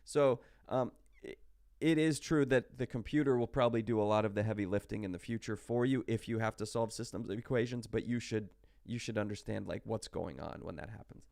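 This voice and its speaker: A man's voice: fairly low pitch, a little fast, creaky, a little mellow, no echo. A sick man with hiccups, casually talking through a recorded online math lecture with many fillers and restarts. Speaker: math instructor.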